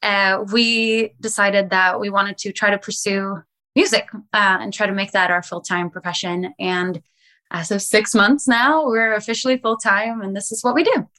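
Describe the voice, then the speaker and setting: A woman's voice: mid-range voice, fairly even intonation, normal speed, pushed and bright. A young woman from Sweden, a musician guest telling her story in a chatty, enthusiastic way. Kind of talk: casual interview talk.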